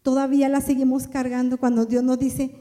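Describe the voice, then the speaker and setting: A woman's voice: high-pitched, monotone, fairly quick, dark tone, long reverb tail. A woman giving an emotional testimony sermon to a church, repeating her phrases again and again. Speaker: church member preaching.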